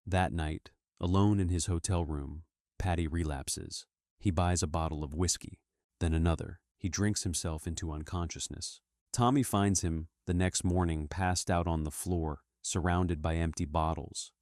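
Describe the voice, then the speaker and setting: Male narrator with a very low voice and a dry, close sound, reading a dramatic movie recap. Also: dry recording. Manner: steady dramatic storytelling. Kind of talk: scripted narration.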